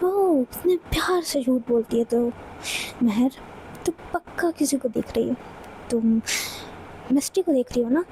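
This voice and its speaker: A woman reads as a nosy, teasing young best friend. She prods and pokes fun, with a high, mellow voice. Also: a little slow, long pauses, a little hiss or hum. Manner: playful, prodding.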